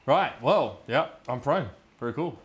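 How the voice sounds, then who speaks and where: A man's voice: medium pitch, expressive, measured pace, a little hiss or hum. A man playing a tabletop game, with laid-back, slangy banter. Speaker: player.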